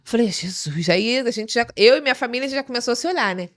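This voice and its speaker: A woman's voice: fairly high pitch, fast. A woman guest on a podcast, recounting events in casual chat and acting out what people said. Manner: animated, acts out quoted voices.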